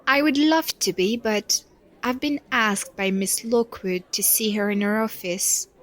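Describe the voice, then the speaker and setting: A woman's voice: medium pitch, a little slow, natural voice. Woman playing a nervous schoolgirl. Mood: uneasy.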